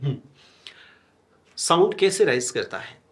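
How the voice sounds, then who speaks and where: A man's voice: mid-range voice, sing-song, measured pace. A male teacher giving a classroom lecture with an Indian English accent. He explains step by step, keeps asking his students questions and answering them himself, and writes on a board as he talks. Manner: writes on a board while talking.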